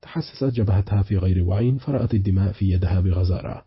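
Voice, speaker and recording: Husky low-voiced man narrating a horror audiobook at speed, dull dry recording. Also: fast, no room sound. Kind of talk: scripted narration of a horror novel.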